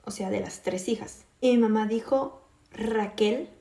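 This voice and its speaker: A woman in her twenties from Puerto Rico, telling her personal faith testimony in an earnest, halting way with many fillers. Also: medium pitch, gravelly, mellow, reverberant.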